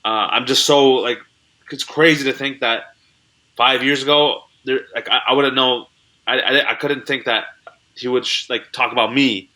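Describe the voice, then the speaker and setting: A young man talks casually as a comedian guest on a video call. His voice is very bright and ringing, and his talk is relaxed and full of slang. His pitch sits in the middle for a man. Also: moderate pace, low-quality recording. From Canada. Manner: laid-back, laughing, slangy. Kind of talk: casual interview chat.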